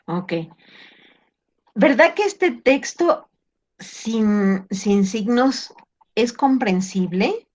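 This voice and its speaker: Slow-spoken woman teacher. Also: a little high, animated, darkish tone. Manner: patient, teasing, questioning. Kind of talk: online class exam review.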